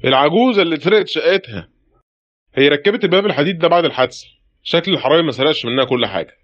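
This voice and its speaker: A man's voice: fairly high pitch, animated, rapid-fire. An actor with an Egyptian Arabic accent playing a stern, skeptical male police brigadier in an old radio drama, talking bluntly. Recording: dull lo-fi old radio play recording.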